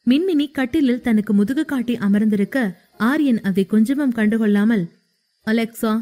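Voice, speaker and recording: A woman reading a romance story aloud in steady scripted narration. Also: fairly high pitch, normal speed.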